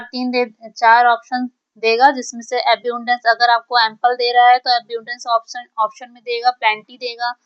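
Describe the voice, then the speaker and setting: A woman English teacher giving an exam-prep vocabulary lesson, repeating each word and asking what it means, with a steady check-in of "okay?". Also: fairly high pitch, clean tone. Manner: keeps checking in with "ठीक है" and "है ना". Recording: slightly dull, lo-fi recording.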